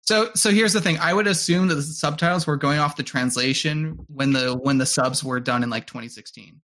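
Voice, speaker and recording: A man in casual chat, recapping a story with halting restarts. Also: on the high side, bright, forceful tone.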